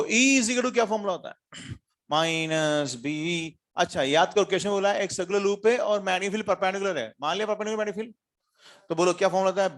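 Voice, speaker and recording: A man teaching a physics class to students, questioning them often and mixing in English terms. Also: sits high. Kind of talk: classroom lecture.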